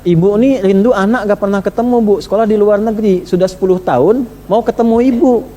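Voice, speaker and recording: Preacher with a high voice in a hall. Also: male voice, quick pace, mellow. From Indonesia. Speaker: Islamic preacher. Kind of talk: sermon. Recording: reverberant hall with faint noise.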